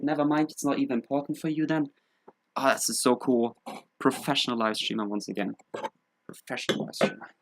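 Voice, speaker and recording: A young man from Germany, chatting casually and rambling on a live stream with self-mocking asides. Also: medium pitch. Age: 20s. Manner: self-mocking, rambling, thinking aloud while setting up. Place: home room in England.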